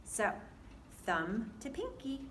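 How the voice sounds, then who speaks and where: A woman's voice: on the high side, wildly swooping pitch, takes it slowly, slight background noise. A woman hosting a children's story time, reading to toddlers in a singsong, encouraging way with simple, patient questions. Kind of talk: reading aloud to toddlers, with questions and animal sounds.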